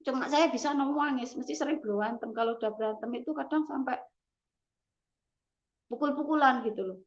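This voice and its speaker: A woman tells her personal testimony in a halting, heartfelt way, trailing off and restarting. Her voice sits somewhat high. The audio is dull and lo-fi. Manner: halting, emotional, frequent "gitu loh". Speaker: testimony giver.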